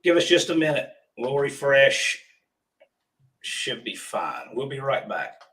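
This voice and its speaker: A man with a hoarse, rusty, froggy voice, chatting casually as he hosts a livestream. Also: medium pitch, lively intonation, slow, a bit bright, distant mic. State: hoarse from pollen. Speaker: host of a livestream workshop. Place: remote studio.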